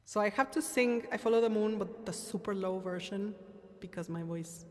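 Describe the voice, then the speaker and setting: A singer hosting a live stream chats casually with her viewers, candid and full of restarts and repeated words. She's a native Spanish speaker with a Mexican accent, speaking at a normal speed in a mid-range, slightly mellow voice.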